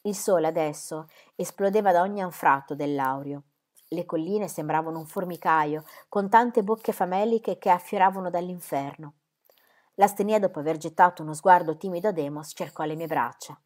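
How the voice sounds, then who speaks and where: A woman narrating an audiobook of a historical novel, with an expressive, even reading. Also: on the low side, moderate pace. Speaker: audiobook reader.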